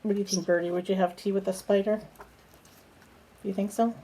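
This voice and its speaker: A woman with a medium-pitched, dark, breathy voice and steady tone reads a children's picture book aloud, captured in poor audio. Unhurried, she breaks off for chatty asides, asking a small companion bird simple, coaxing questions.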